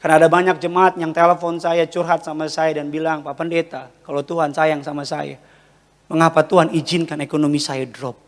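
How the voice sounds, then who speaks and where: A man preaches a Sunday sermon, weaving in lively stories about his family. His voice sits high for a man. A long reverb from the large church hall trails each phrase. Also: brisk. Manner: lively storytelling with family anecdotes. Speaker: pastor.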